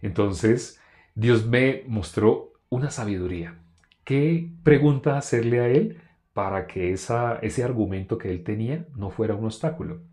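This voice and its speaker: A man preaching, telling a personal testimony in an animated storytelling way and loudly acting out what others said. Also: on the low side, measured pace. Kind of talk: testimony sermon.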